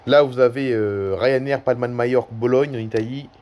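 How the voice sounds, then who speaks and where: A man's voice: mid-range voice, steady tone, fairly quick, a little mellow. A man casually commenting on a live flight-tracking map he is clicking through, hesitating, rambling and correcting himself as he goes. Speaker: YouTuber. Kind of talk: casual screen-recording commentary.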